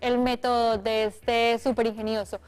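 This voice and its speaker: A woman co-hosts a televised math lesson in a high voice. She chats playfully and adds quick affirmations, with faint music behind. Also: level tone, darkish tone, clean tone. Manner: chatty, playful, backchannels. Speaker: co-host.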